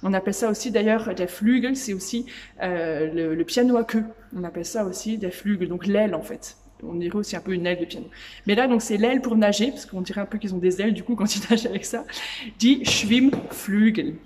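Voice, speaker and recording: A woman teaching German vocabulary in a casual, chatty way, seated beside a swimming pool and saying each German word slowly and clearly. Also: mid-range voice, darkish tone.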